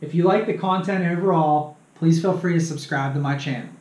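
Man in his 30s, high, upbeat host talking to camera in an echoey home room. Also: a little fast, a little mellow. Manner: upbeat, chatty, addresses viewers as "you guys". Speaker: fishing channel host. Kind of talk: casual instructional video. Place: small cluttered home room.

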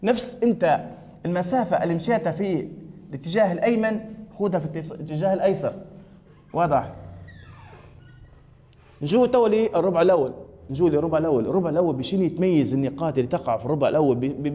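Libyan guy teaching math to a class, talks quick, dark voice, echoey room. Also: on the high side. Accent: Libyan Arabic. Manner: asks students questions and repeats answers. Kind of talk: classroom lesson.

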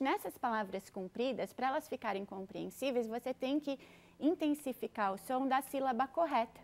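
A woman's voice: high-pitched, darkish tone. A woman with a Brazilian Portuguese accent giving a bilingual English pronunciation lesson, explaining step by step in an upbeat way. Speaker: English teacher.

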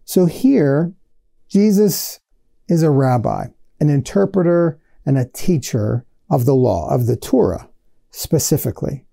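Male pastor, 40s earnest teaching sermon, dark gravelly timbre, dry close sound. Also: fairly high pitch, a little slow, no room sound. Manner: earnest teaching tone, expressive hand gestures. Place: small studio set with shelves. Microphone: lapel mic.

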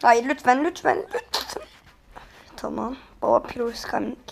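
A woman giving excitable let's-play commentary, often pleading and exclaiming while she plays. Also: on the high side, moderate pace, vocal fry, a little hiss or hum. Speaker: gamer.

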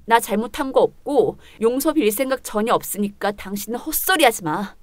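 A woman's voice: a little high, animated, a little fast, dry recording, natural voice. A woman voicing a pregnant young wife in a dramatized story reading, speaking in a restrained, firm and polite way. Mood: indignant.

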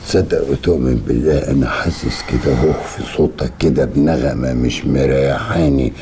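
An actor playing a stubborn, cagey older uncle and retired general with an Egyptian accent, who stammers and blusters with sudden high squeaks. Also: male voice, normal speed, mellow, slight background noise. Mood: flustered. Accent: Egyptian Arabic.

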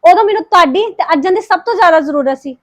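A woman acting as a heartbroken young wife in a family drama, who speaks with a Punjabi accent and pours out rapid, reproachful complaints against her in-laws. Her voice sits very high. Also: lively intonation. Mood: bitter, accusing. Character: grieving young wife confronting her mother-in-law. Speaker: daughter-in-law Harpreet.

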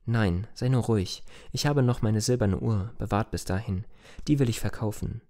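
A man voicing an earnest young village man in love, in a gentle, earnest delivery. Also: lowish voice, moderate pace, natural voice. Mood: reassuring.

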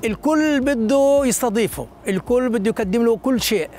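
A man's voice: extremely high pitch, a little fast, darkish tone, slight background noise. A middle-aged man, explaining local history and geography in an outdoor interview on an open hillside. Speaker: local guide.

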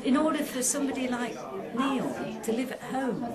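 A woman's voice: high voice, animated, normal speed, over a noisy crowd. An older woman in her sixties, speaking earnestly and candidly in an interview from her living room, recorded by a far camera. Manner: earnest and candid, coaxing her husband with rising questions. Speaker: carer of her husband. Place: living room of a home, seated on a sofa.

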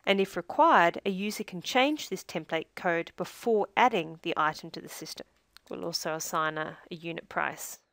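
Reading from a script as the narrator of a software demo, this woman explains steps in a careful, teaching tone, with phrases that fall off at the end. Her voice is fairly low and creaky, with no room sound.

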